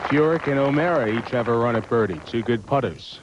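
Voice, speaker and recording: A man giving golf commentary in a medium-pitched voice. The broadcast sound is slightly dull, with clear outdoor noise behind him. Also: expressive, a little fast. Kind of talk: live television golf commentary.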